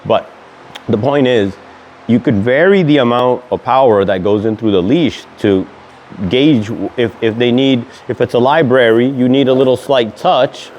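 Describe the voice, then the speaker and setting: A man's voice: mid-range voice, moderate pace, a little mellow, muffled recording, a little hiss or hum. A man with a lisp from missing front teeth, giving casual, informal instruction as a dog trainer. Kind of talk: casual instructional talk to clients.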